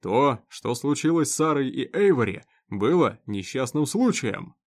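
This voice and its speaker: Storybook sheriff, a man doing the voice: stern, commanding, loud edge. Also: medium pitch, very animated, measured pace. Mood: angry. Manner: commanding, growling. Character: stern, hot-tempered male small-town sheriff.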